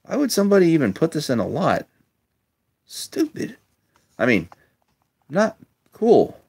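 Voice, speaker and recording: A man's voice: fairly high pitch, huge pitch swings, measured pace, vocal fry, darkish tone, slightly rough. A man casually commenting while opening a lot of old toy cars, chatty and wry with muttered asides, filmed on a handheld phone at a table indoors. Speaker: toy collector vlogger. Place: indoors at a table, filming toys close up.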